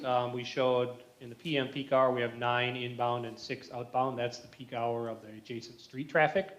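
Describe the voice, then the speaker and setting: A man's voice: mid-range voice, a bit bright, dull audio. Man on a clipped, breaking-up call line. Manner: matter-of-fact, technical explanation. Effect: clipped, breaking-up remote call line. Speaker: traffic consultant. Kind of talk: remote testimony at a public meeting. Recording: echoey remote call audio.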